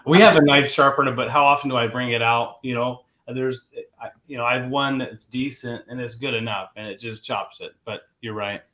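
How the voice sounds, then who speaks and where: A man hosting a podcast speaks in an easygoing, agreeable way, his sentences full of fillers. His voice has an ordinary middle pitch. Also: fairly even intonation, a little fast, hardly any pauses, bright, forceful tone, roomy sound. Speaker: podcast host. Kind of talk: casual discussion.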